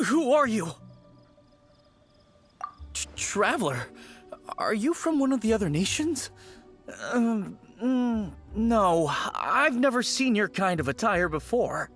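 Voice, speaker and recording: A man's voice: high voice, very animated, takes it slowly, pauses often, a bit bright, faint music behind, exaggerated voice. A man voicing a timid young male apprentice undertaker who stammers and speaks in a nervous, overly formal way, in game voice acting.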